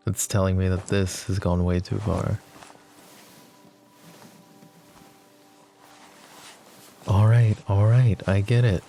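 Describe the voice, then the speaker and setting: In an intimate ASMR roleplay, a deep-voiced man plays a young mafia boss who is possessive, lovestruck, tender and anguished. He speaks softly and emotionally, gentle and weary, in halting phrases full of stammers.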